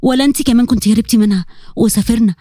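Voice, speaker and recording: Woman voicing a middle-aged egyptian mom, high voice, quick, consoling, imploring. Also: warm tone, no room sound, clean studio sound, natural voice. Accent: Egyptian Arabic.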